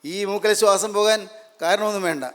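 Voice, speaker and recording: A man's voice: sits high, fairly even intonation, brisk, a bit bright. A man preaching a sermon, emphatic and repetitive, full of rhetorical questions. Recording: long hall reverb.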